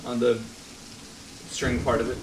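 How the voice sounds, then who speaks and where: A man's voice: mid-range voice, monotone, a little slow, roomy sound, distant mic, noisy background. Laid-back man narrating as game master. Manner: casual, laughing often.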